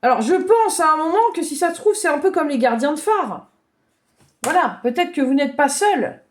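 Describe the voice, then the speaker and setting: A woman giving a gentle, chatty drawing lesson for children, thinking aloud as she tells a story. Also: high-pitched, expressive, moderate pace, a little hiss or hum.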